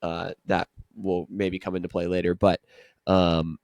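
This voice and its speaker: A man's voice: deep voice, flat delivery, a little slow, gravelly, a little mellow, no room sound. A man hosting a podcast, telling travel stories in a casual, chatty way and laughing often. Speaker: podcast host.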